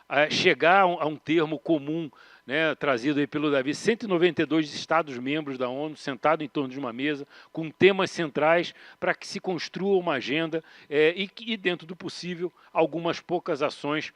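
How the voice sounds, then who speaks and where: A man's voice: on the high side, normal speed, a bit bright, dry recording. A man with a Brazilian Portuguese accent moderates a panel, summing up the conversation in a loose, hesitant way with many restarts. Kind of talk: panel discussion wrap-up.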